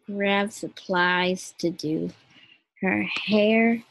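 A woman's voice: medium pitch, fairly even intonation, extremely slow, gravelly, fairly bright tone, rough recording. A woman casually narrating the actions of a video-game role-play in short, clipped phrases.

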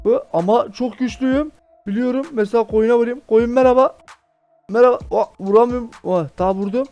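High-voiced excitable gamer guy. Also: brisk, lo-fi sound, soft background music. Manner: excitable, jokey, addresses viewers. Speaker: gaming youtuber. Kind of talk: excited game commentary.

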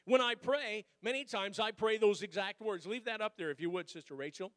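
A man with a high voice preaches to his congregation, his words ringing out into a big church hall. He swings from quiet, reflective passages to loud, emphatic calls, all picked up on a close, dry microphone. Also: brisk. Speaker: pastor. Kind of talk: sermon.

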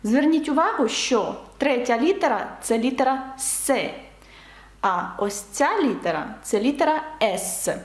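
A woman teaching beginners, her voice sitting a little high as she explains each point with emphasis and repeats examples slowly. The sound rings out in a room with clear echo. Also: expressive. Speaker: French teacher. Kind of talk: online lesson for beginners.

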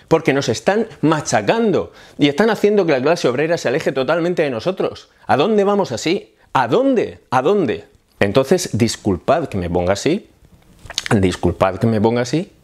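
Fiery man ranting. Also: medium pitch. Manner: fiery, repetitive, rising to shouts of indignation. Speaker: YouTuber. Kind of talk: impassioned political monologue to camera.

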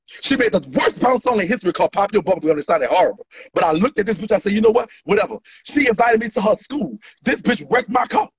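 Dull lo-fi phone audio records a man in an indoor room ranting at his followers in a selfie video, the phone held at arm's length. His voice is high-pitched, fast and slightly rough, with lively intonation. He is angry, profane and repetitive, gesturing wildly throughout.

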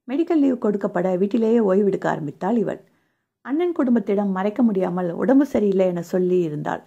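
A woman narrating a romance audio novel in a steady storytelling voice, husky. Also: mid-range voice.

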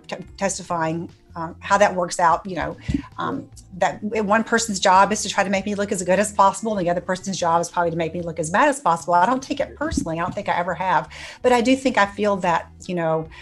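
Middle-aged American woman, slightly low voice. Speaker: forensic psychologist in conversation. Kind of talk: casual interview chat. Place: indoor office on a video call.

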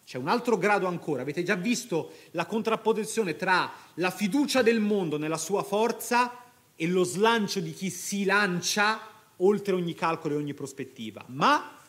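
A man's voice: high-pitched, expressive, normal speed, a bit bright. Impassioned man lecturing on a poem. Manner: impassioned, moved, rhetorical asides to the audience. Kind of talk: lecture with dramatic reading.

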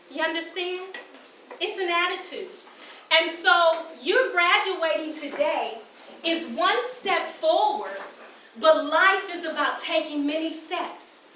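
A woman's voice: very high-pitched, pushed and bright, echoey room, far from the mic, slight background noise, rough recording. A woman from the United States giving a keynote speech at a graduation, emphatic, repeating key phrases and putting questions to the audience. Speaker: keynote speaker. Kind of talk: motivational speech. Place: graduation ceremony room.

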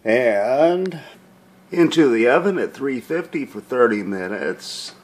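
A man's voice: medium pitch, expressive, slow, a little hiss or hum. A man casually narrating a home cooking video in his kitchen, rambling and folksy with lots of fillers.

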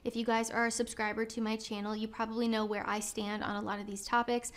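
A woman's voice: on the high side, flat delivery, fast. A woman hosting a YouTube channel, giving a scripted intro and asking interview questions.

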